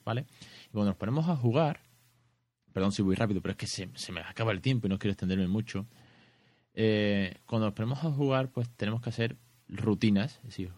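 Chatty low-voiced man giving parenting advice. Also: a little mellow, no room sound. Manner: chatty, self-correcting, lots of rhetorical questions. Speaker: podcast host, parent. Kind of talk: casual solo podcast advice.

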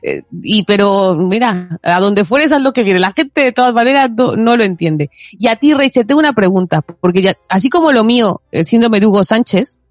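Mexican woman host, animated storyteller, mid pitch, dry close sound. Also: moderate pace, hardly any pauses, no room sound. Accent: Mexican, with some Spain Spanish. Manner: lively storyteller, acts out quoted people. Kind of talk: casual chat.

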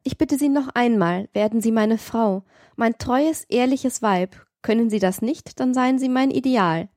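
A woman's voice: a little high, unhurried, darkish tone, no echo, clean studio sound, natural voice. A woman voicing a feverish, devoted young man in an audiobook, speaking urgently and pleadingly. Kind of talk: audiobook reading.

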